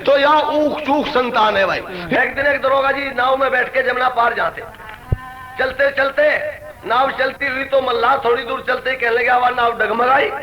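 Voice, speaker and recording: High-voiced man telling village jokes. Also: faint music behind. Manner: lively, voices the characters in quick dialogue. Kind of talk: rustic comic storytelling. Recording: echoey lo-fi cassette recording.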